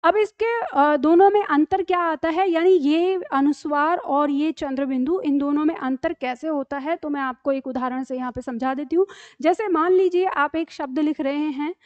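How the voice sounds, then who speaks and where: A woman with a high voice teaches an online grammar lesson. She explains patiently and keeps checking in with her students. The recording is dry and a little dull. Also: moderate pace, a little mellow, no room sound. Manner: explanatory, checks in with repeated "ठीक है".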